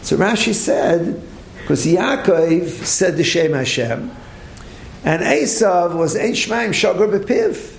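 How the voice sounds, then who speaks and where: Rabbi teaching a late-night Talmud class: higher gravelly voice, animated rhetorical questions, echoey room. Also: male voice, takes it slowly, a little hiss or hum. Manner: animated, rhetorical questions, frequent restarts, Hebrew terms.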